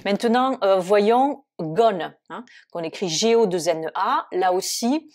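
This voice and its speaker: Woman, English teacher, online lesson, patient explanations, frequent fillers, mid-pitched voice. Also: expressive, moderate pace.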